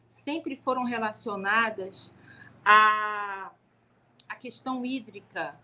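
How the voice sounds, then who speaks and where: A woman's voice: on the high side, sharp tone. Middle-aged woman, carioca accent, law professor, chatty live-stream testimony with restarts. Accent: Rio de Janeiro (carioca), softened by years in Manaus. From Rio de Janeiro, Brazil. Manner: conversational, many fillers and restarts. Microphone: home live stream.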